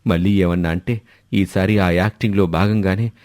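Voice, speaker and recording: Brief: whiny older father-in-law, a man voices him, low and fretful, storybook animation. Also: steady tone, normal speed, a little mellow, no echo, clean studio sound, close to an everyday voice. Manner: whiny complaining, fearful asides. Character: hungry grumbling old father-in-law.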